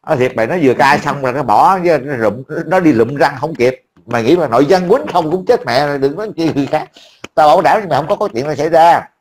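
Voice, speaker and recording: A man's voice: fairly high pitch, fast talker, a little hiss or hum. A man, talking casually to a friend as an online commentator, blunt, profane and mocking.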